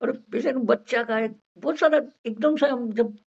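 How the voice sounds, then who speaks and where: A man's voice: very high-pitched, normal speed, creaky. A man lecturing a class on homeopathy, mixing in English and constantly checking whether his students follow. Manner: mixes English into explanations. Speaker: homeopathy teacher. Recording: dull lo-fi recording.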